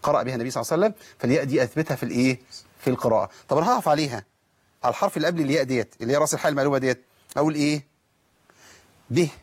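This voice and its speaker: A male Quran recitation teacher with an Egyptian Arabic accent gives a televised tajweed lesson. His voice is husky, quick and medium in pitch. He patiently corrects and models pronunciation step by step.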